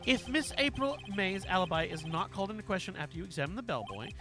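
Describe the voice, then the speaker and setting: A woman voicing a haughty, condescending male prosecutor in a lowered, clipped tone. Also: big pitch swings, fast talker, fairly bright tone, faint music behind. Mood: cold. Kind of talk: live game voice-over reading.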